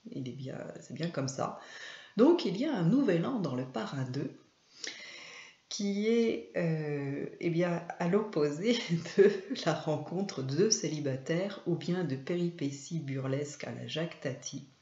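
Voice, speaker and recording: A woman hosting a casual video about films, talking hesitantly with frequent fillers and pauses. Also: low voice, animated, mellow. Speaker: video host and trainer. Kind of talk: casual film commentary to camera. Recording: echoey room, slightly dull sound.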